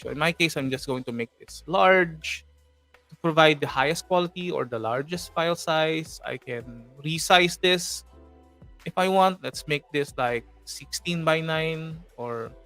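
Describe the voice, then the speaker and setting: A Filipino man hosts a live screen-share tutorial, chatty and full of fillers, tossing joking asides to viewers. His voice is fairly high-pitched, with a bright, forceful tone.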